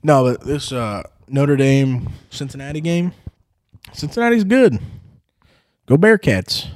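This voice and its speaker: A man hosts a sports podcast, chatting casually about football picks in a mid-range voice at a slow pace. The sound is clean studio audio with no echo, and he breaks into rowdy, profane, excitable outbursts.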